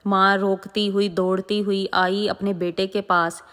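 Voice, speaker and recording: A woman's voice: medium pitch, level tone, a bit bright. A woman narrating a moral religious story with dramatic, emotive delivery. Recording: long echoing reverb.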